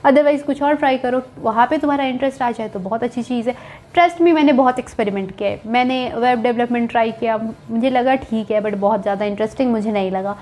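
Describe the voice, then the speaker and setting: A woman's voice: a little high, fast talker, a little mellow. A young woman talking casually and candidly to students, mixing in English words and often checking in with "right?". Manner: candid, chatty, mixes English words into speech, keeps asking "right?". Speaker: coding educator on a video channel. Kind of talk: casual advice talk to students.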